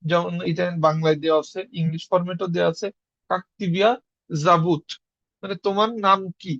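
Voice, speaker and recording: A man's voice: sits high, fairly even intonation, fast, vocal fry, fairly bright tone, no echo, lo-fi sound. A young man from Bangladesh teaching an online language class, explaining patiently and spelling words out letter by letter.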